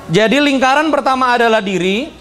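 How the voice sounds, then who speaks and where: A man giving a lively, joking seminar talk on business and addressing the audience directly. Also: very high-pitched, brisk, a little hiss or hum. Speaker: business speaker and motivational trainer.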